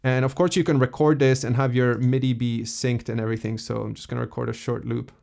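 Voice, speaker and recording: A man hosting a casual software tutorial, explaining a plugin in a relaxed way with loose fillers. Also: mid-range voice, quick pace, creaky. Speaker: tutorial host.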